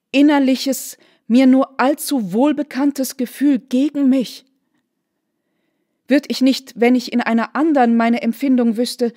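Woman reader doing a young noble widow: earnest, pleading, a little high. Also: mellow. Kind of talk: literary reading.

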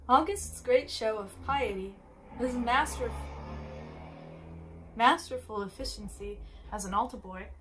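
Woman reading a novel out loud, trips on words sometimes and restarts, drops little side comments. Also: on the high side, a little hiss or hum, poor audio. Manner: occasional slips and restarts, brief asides. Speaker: reader.

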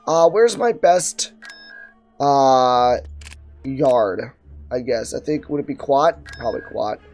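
A man's voice: mid-range voice, expressive, slow, darkish tone, soft background music. A young man doing casual let's-play commentary, thinking aloud and muttering asides to himself. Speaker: gaming video host.

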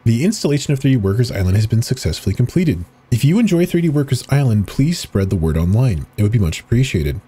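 This horror video narrator has a medium-pitched, warm voice with a breathy edge, and he rushes along in a sing-song rhythm with hardly any pauses. He gives a dramatic reading of web pages and installer text on screen, dropping in short offhand comments while clicking through.

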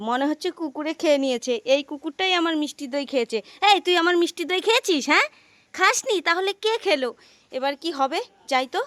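A woman playing a scolding, teasing young mother in a comedy skit, with a shrill voice. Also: no room sound, close to an everyday voice.

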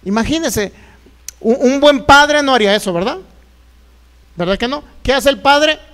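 A man's voice: very high voice, lively intonation, moderate pace, fairly bright tone, clean tone. A man preaching a sermon as pastor, folksy, acting out complaints in a raised voice.

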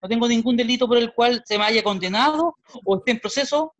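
In this lo-fi clip, a man in his forties with a Chilean Spanish accent speaks at an extremely high pitch, quickly and with a fairly bright tone. He's a history teacher wrapping up an online class over a video call, explaining patiently and often restarting his sentences.

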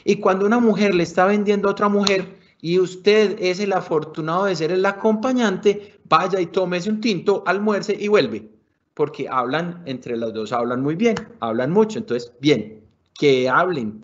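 A man with a Colombian accent giving a lively online sales workshop, shifting his volume and speed for emphasis and calling his audience muchachos. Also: high-pitched, moderate pace, slight background noise. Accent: Colombian Spanish. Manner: animated, varies loudness and speed for emphasis; colloquial, addresses audience as muchachos. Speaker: sales trainer. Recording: somewhat dull lo-fi video call audio.

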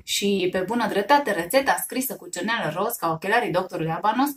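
A woman storyteller reading a children's story aloud, expressive and lively. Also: medium pitch.

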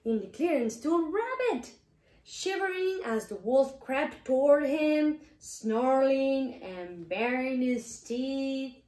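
A woman reading a children's picture book aloud as storyteller, gentle and expressive. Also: sits high, slow, reverberant.

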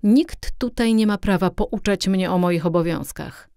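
A woman's voice: fairly low pitch, unhurried, vocal fry, warm tone, no echo. Lady reading as a firm stern army captain, duty-bound, dry close sound. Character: stern fort commander, adult man, dutiful.

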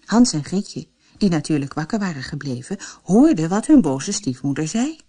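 Expressive woman telling a fairy tale. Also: sits low, moderate pace, husky. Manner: expressive, dramatic. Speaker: storyteller. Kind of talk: scripted fairy-tale narration.

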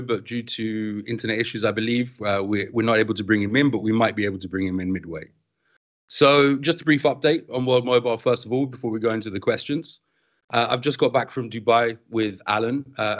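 Man hosting an online AMA. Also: medium pitch. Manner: friendly, relaxed moderator, reading questions. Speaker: host and company CEO. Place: indoor room with a virtual space background. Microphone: video call. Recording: dull lo-fi video call audio.

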